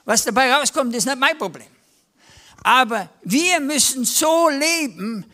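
With a very high-pitched, sharp, expressive voice and a measured pace, a man gives a lively church sermon full of everyday stories. His delivery is conversational, and he performs the quoted voices of the characters.

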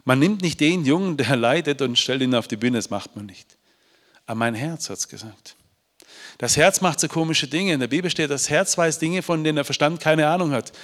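A man telling a moving story to an audience, swinging between loud bursts and hushed, quiet passages. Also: a little high, normal speed. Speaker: speaker. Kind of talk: motivational storytelling talk. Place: large hall. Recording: hall reverb with faint music.

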